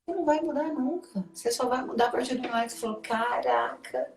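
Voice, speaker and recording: A woman's voice: sits high, rapid-fire, darkish tone. A woman with a Brazilian Portuguese accent, a life coach giving emphatic advice and repeating key points for stress. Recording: echoey room with faint music behind.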